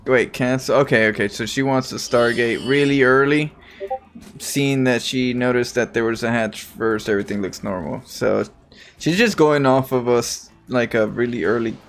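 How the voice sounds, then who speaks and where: Gravelly male esports caster. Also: medium pitch, moderate pace. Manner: analytical, joking banter. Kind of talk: live game commentary.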